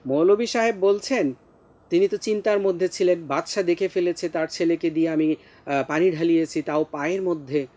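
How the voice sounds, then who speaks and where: A man's voice: fairly high pitch, darkish tone. A man teaching a pronunciation lesson to young pupils, drawing out each word for them to repeat. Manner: slow, drawn-out model pronunciations for pupils.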